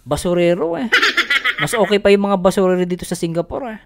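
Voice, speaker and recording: A man's voice: sits high, expressive, fast, gravelly. A man from the Philippines hosting a vlog, chatting casually with viewers and laughing often as he talks. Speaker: vlogger host. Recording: noisy recording.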